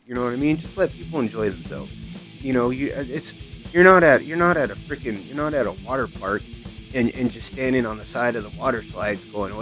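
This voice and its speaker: A man giving a casual, profane, rambling rant as a guitar vlogger, often tagging his sentences with "you know what I mean". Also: medium pitch.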